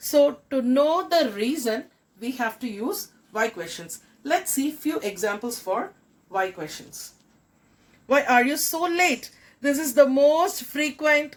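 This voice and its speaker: A middle-aged woman with a Tamil accent, a school principal giving an English lesson. She repeats each example sentence slowly and then gives it in her own language. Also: sits high. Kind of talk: classroom lesson.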